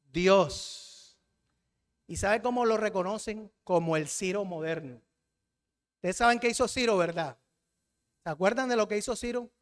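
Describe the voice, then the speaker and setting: A man's voice: high-pitched, moderate pace, big-room sound. A Colombian man preaching a sermon in a church, asking the congregation questions and having them call back the answers.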